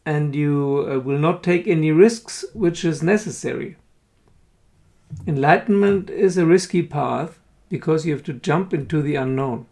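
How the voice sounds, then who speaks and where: A man giving a calm, measured spiritual lesson, pausing often and now and then swearing bluntly. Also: fairly high pitch. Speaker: spiritual teacher. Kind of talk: reflective spoken lesson to camera.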